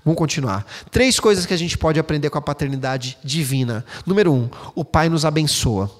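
A man preaching a sermon as pastor, expressive and speaking directly to the congregation. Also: fairly high pitch, fairly quick. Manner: expressive, acts out quoted voices, addresses the congregation directly. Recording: long hall reverb.

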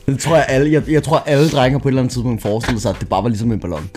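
A man in a casual chat, jumping in with quick questions and jokes. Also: medium pitch, fairly even intonation, darkish tone.

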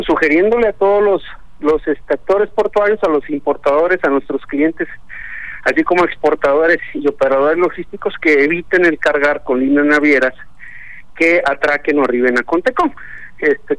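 A man's voice: fairly high pitch, a bit bright, no echo. Man calling in by phone. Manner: earnest, aggrieved, with many hesitant fillers. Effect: heard over a telephone line as a radio caller. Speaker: phone-in caller, transport union leader. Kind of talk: formal complaint on a radio show. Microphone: telephone.

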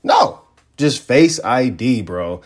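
A man's voice: medium pitch, slow pace. A man co-hosting a tech podcast, chatting casually and telling stories with slang. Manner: laid-back, animated storytelling with slang. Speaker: podcast co-host. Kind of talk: casual chat.

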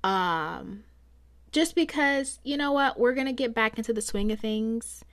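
Delivering a relaxed solo podcast monologue, the host rambles reflectively and chattily, leaning on fillers. Her fairly high voice is unhurried, and it sounds a bit strained after lots of talking.

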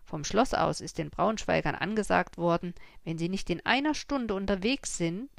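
A steady, matter-of-fact master craftsman giving advice, as a woman reader puts him on. The voice is low and gravelly, close and dry. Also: normal speed, no echo. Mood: advising.

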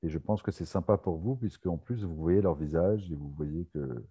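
Deep dark-voiced French-speaking man. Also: moderate pace, breathy edge. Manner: teasing, hesitant with many fillers. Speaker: webinar host. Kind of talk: live online Q&A.

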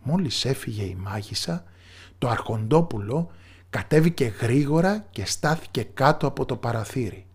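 A man's voice: expressive, slightly rough. Man narrating a fairy tale. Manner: measured storyteller's telling, dropping low in quiet moments.

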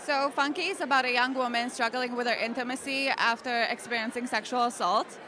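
A woman's voice: a little high, steady tone, fairly quick. A woman filmmaker giving a casual interview about her work. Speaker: writer, director and actor interviewed. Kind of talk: casual red carpet interview. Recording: noisy crowded event. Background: crowd and background noise.

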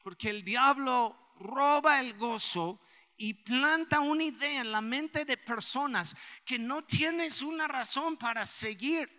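A pastor from the United States, preaching a sermon and rising to shouts for emphasis. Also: male voice, very high-pitched, slow. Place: church. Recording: long church hall reverb.

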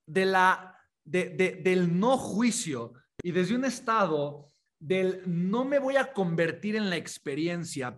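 A man's voice: high-pitched, fairly bright tone. A man giving a live motivational talk, telling a story with hesitant restarts and rhetorical questions. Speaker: motivational speaker.

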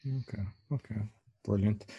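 A man hosting a podcast, asking casual, halting questions. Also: fairly low pitch, fairly even intonation, slightly rough, highs cut off. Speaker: podcast host. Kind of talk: podcast interview.

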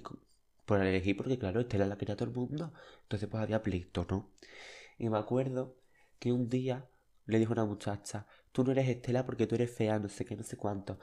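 A man's voice: fairly low pitch, a little fast, mellow. A young man, telling childhood anecdotes in a chatty, flamboyant, dramatic way. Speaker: podcast host. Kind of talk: casual storytelling monologue.

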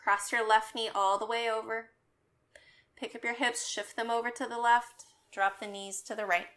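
A woman guides a yoga class with calm, meditative instruction. Her voice sits a little high and has a clearly bright edge. She gives each cue without hurry. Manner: calm, meditative, unhurried cueing.

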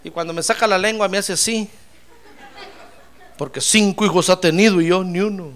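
A man's voice: sits high, moderate pace, some chatter behind, close to an everyday voice. A man voicing a desperate woman who pleads tearfully and says she is worn out. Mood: pleading.

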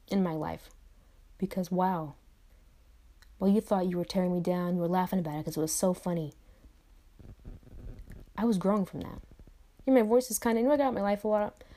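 Speaking to camera, a young adult woman vlogger delivers a reflective, motivational monologue in a lowish, warm voice. She repeats phrases and drops in conversational asides.

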